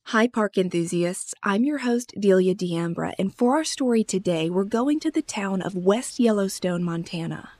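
A woman podcast host giving scripted true-crime narration in a measured storytelling manner. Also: medium pitch, expressive, a little mellow, no echo, studio quality.

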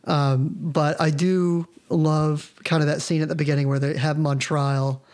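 A man with a fairly high voice chats about a film on a podcast. He sounds easygoing and agreeable, with plenty of filler words. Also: flat delivery, normal speed, darkish tone. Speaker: podcast co-host. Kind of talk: casual chat.

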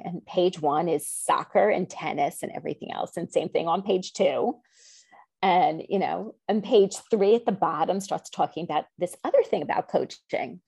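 A middle-aged woman with a fairly low voice tells her story in an interview, rambling through asides and restarts. She acts out the dialogue she quotes, leaping much higher in pitch. The sound is dry and close. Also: creaky, warm tone, breathy edge, dry recording. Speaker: guest.

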